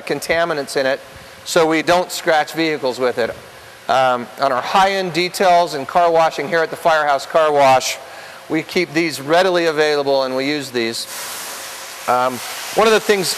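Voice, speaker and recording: A man's voice: a little high, a bit bright, long reverb tail, slight background noise, rough recording. A man in his forties, a car wash owner, explaining car-drying towels in a plain, practical way with many ums, recorded on a lapel mic indoors. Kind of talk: instructional demonstration.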